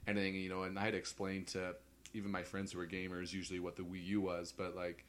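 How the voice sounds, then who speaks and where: A man's voice: low voice, completely flat delivery, fast. A man co-hosting a casual gaming chat, telling stories with lots of fillers and laughs. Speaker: podcast co-host.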